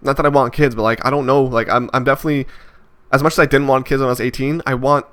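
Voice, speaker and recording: This twentysomething vlogger talks fast in a mid-range voice, keeping a steady, fairly bright tone. He's thinking out loud in a casual, reflective monologue, rambling hesitantly with plenty of fillers and false starts.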